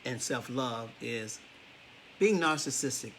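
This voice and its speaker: A man's voice: mid-range voice, expressive, slow pace, a bit bright, slight background noise. A man co-hosting a casual faith-based marriage chat on a live stream, easygoing and affirming. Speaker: co-host, husband.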